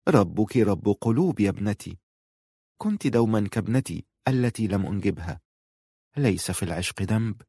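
A man voicing an older female guardian, devout and protective, speaking gently and earnestly. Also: on the low side, expressive, normal speed, husky, no room sound, studio quality. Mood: gentle, earnest.

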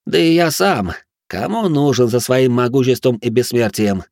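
A man voices a weary, bitter immortal, sounding self-pitying, with a lively medium-pitched delivery at normal speed. His tone is a little mellow, raised above his natural voice yet close to everyday speech. The studio-quality recording has no room sound.

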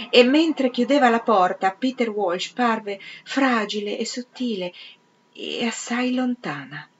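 Female reader, mid-pitched, measured literary audiobook delivery, slightly muffled lo-fi sound. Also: slight background noise. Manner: measured, expressive, dropping to a whisper at times. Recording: slightly dull, lo-fi recording.

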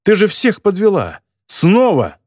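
A man's voice: high-pitched, big pitch swings, moderate pace, a little mellow, dry recording, studio quality, pitched above the performer's own voice. A man playing a sneering, scornful editor. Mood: scolding. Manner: mocking, scolding. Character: sarcastic, harsh male newspaper editor.

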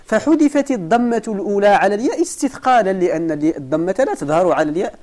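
A man's voice: high voice, expressive, quick pace, a little mellow. A man with a Moroccan accent teaching a lesson, explaining a text step by step and putting questions to his students. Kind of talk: lesson commentary.

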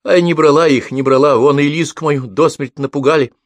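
A man's voice: lowish voice, animated, a little fast, darkish tone, no echo. A man voicing a desperate, heavyset peasant woman who wails and pleads, in an audiobook. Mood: tearful pleading. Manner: wailing, pleading.

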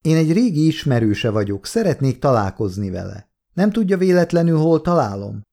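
A man voicing a polite young woman who speaks haltingly and unsurely on the phone. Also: on the high side, big pitch swings, warm tone, pitched above the performer's own voice.

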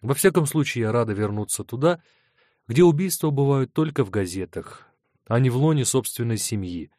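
A man voicing a weary, mocking woman, the sharp-tongued older sister in an audiobook. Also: mid-range voice, lively intonation, moderate pace, dry recording, voice pushed up, lightly acted. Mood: sardonic. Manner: dry, mocking.

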